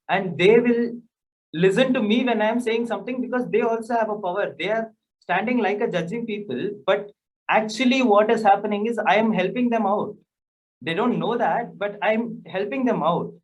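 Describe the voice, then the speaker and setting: A man's voice: high-pitched, rough recording. A man speaking on a panel, emphatic, stressing words with shifting intonation. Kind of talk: conversational panel talk.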